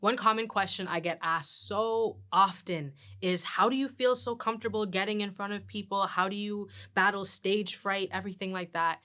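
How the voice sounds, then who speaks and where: A woman's voice: mid-range voice, fairly even intonation, normal speed, few pauses, sharp tone. A woman who is a performance poet, teaching a masterclass in an earnest, encouraging way. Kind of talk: instructional masterclass talk.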